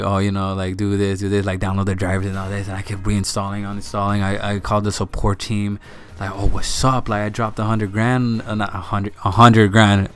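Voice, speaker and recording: A young man with a fairly low voice tells a story to his viewers in a loose, rambling way. He restarts his sentences and keeps repeating "like". Quiet music plays faintly behind him. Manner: rambling, repeats words, lots of likes and fillers. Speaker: channel host. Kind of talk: casual vlog storytelling.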